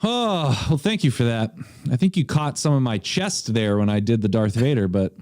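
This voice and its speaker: A man's voice: mid-range voice, lively intonation, moderate pace, a little mellow, no room sound. Hesitant, self-mocking podcast guest, man. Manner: self-deprecating, hesitant, lots of fillers. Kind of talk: casual chat.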